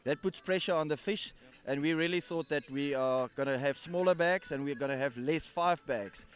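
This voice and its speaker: Male official, earnest, stumbling over words, slightly high voice. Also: normal speed. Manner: earnest, restarts and repeats words. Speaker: tournament director. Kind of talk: interview answers. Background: faint music.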